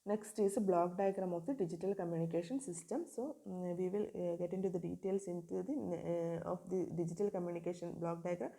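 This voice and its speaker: A woman lecturing on communication systems, who reads English definitions slowly and then explains them in Malayalam. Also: lowish voice, level tone, warm tone. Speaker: engineering lecturer.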